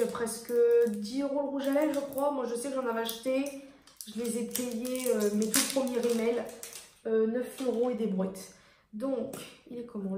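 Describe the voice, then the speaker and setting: Casual vlogger: woman, French accent, slightly high voice, rambling chatty delivery full of fillers, echoey room sound. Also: a little mellow. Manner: chatty, rambling, frequent fillers and self-corrections; swatching lipsticks while talking. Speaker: beauty vlogger. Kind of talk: casual haul video chat.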